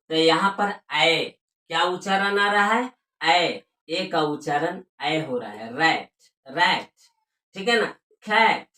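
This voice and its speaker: Slow, bright-voiced woman teaching. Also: lowish voice. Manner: spells out letters and repeats words slowly for learners. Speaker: English teacher. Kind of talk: spoken language lesson. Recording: echoey room.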